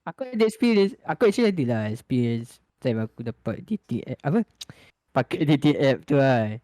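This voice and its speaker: A man's voice: mid-range voice, big pitch swings, quick pace, dark tone, no room sound, clean studio sound. A young man with a Malaysian accent telling personal anecdotes in casual chat, mixing colloquial Malay with Singlish-like English and slangy particles. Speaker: podcast panelist.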